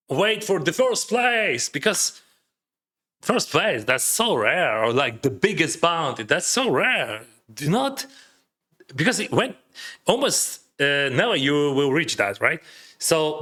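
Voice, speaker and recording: On a poker live stream, a man from Ukraine answers chat in casual commentary, giving advice peppered with "like" and "uh." He has a high, somewhat bright voice, a Ukrainian accent, and Russian as his native tongue.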